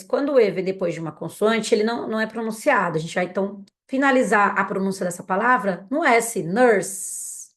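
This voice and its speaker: A native Portuguese-speaking woman teaching English vocabulary, drilling each word slowly for learners to repeat and checking in with them often. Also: medium pitch. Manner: slow, patient drilling of words for learners to repeat; casual and encouraging, with frequent check-ins.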